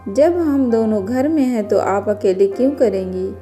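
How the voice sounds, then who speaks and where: A woman's voice: fairly high pitch, expressive, unhurried, over music. A woman voicing a young newlywed daughter-in-law who speaks respectfully and eagerly in a storybook tale. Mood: earnest. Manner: respectful, deferential.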